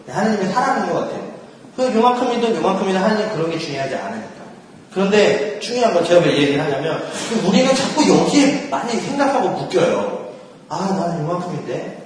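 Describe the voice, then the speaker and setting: A man's voice: high-pitched, big pitch swings, fast, a crowd in the background. A man giving a casual faith talk to a group, often laughing and acting out quoted prayers and thoughts. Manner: laughs often while talking. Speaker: speaker at a church gathering. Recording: echoey hall from far off.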